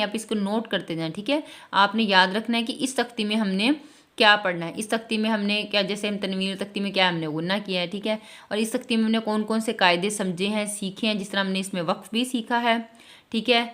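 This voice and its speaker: A woman teaching Quran reading, with a voice of ordinary middle pitch. She stretches each syllable when sounding out letters, then shifts into patient, conversational explanation. She keeps checking that her listeners are following along. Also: fairly bright tone. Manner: repeats a reassuring "theek hai" to check understanding. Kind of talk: spelling out and reciting a reading primer lesson.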